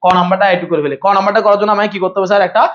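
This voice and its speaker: A man's voice: high-pitched, a bit bright, lo-fi sound. A man teaching an accounting class live online, firing off questions and repeating himself. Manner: rapid-fire, repeats himself and quizzes students.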